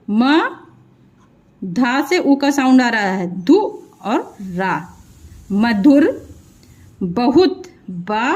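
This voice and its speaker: Female phonics teacher, high voice, very slow syllable-by-syllable delivery. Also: darkish tone. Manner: sounds out syllables one by one, repeating words; asks the viewer questions as she teaches. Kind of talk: slow children's phonics lesson.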